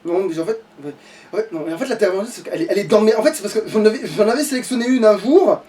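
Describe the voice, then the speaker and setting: A man with a high, warm, animated voice races through crude, grumbling commentary while playing a video game for a let's play. The mic is distant and music plays behind him.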